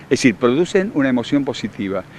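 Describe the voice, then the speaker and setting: Un hombre con acento argentino que da talleres y explica con tono seguro, didáctico y enfático. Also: male voice, mid-range voice, very animated, fast, a little mellow, slight background noise. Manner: confident, instructive, emphatic. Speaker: workshop leader and therapist. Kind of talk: explanatory interview answers.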